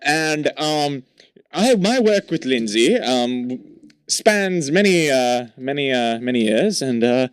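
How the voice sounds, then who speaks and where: A man's voice: medium pitch, lively intonation, slow pace, smooth, dry recording. A man voicing a pompous mock-British accent coach who hesitates and drops stuffy catchphrases.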